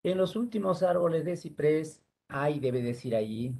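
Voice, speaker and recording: A man's voice: a little high, expressive, normal speed, vocal fry, darkish tone. A male teacher giving an online lesson on rules, patiently spelling words out syllable by syllable.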